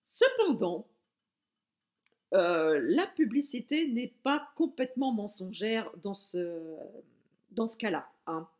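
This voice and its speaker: A woman's voice: mid-range voice, sing-song, slow pace. A woman from France giving a casual, enthusiastic book review straight to her viewers.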